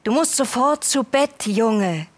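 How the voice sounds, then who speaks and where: A gentle, embarrassed father talks softly and soothingly to his son, as a woman reading aloud plays him. He speaks slowly and apologetically. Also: on the high side, lively intonation.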